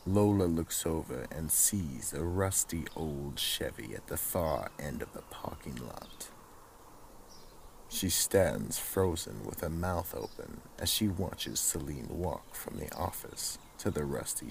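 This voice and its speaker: A man playing a psychotic, sinister horror host and storyteller of an audio drama, gravelly and menacing, drawing out his words theatrically. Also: a bass voice, animated, slight background noise, full character voice. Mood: grim suspense. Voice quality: gravelly, raspy. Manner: menacing, drawn-out delivery.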